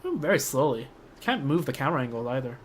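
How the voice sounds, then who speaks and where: A game player giving casual playthrough commentary in low-key, muttered asides. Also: sing-song, fast talker, a little hiss or hum. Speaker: gamer narrating a playthrough. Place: voice-over on game audio.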